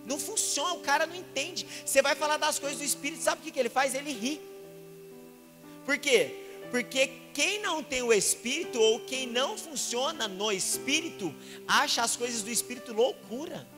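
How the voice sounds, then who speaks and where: A male pastor from Minas Gerais with a Mineiro accent, preaching an animated sermon full of rhetorical questions and acted-out exchanges. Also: very high-pitched, normal speed. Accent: Mineiro Brazilian Portuguese. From Minas Gerais, Brazil. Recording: reverberant church hall with music behind.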